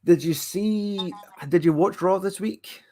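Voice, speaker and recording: A man's voice: high-pitched, slow pace, mellow. A man co-hosting a casual live-reaction chat, rambling and laughing often. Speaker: co-host. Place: at home watching TV.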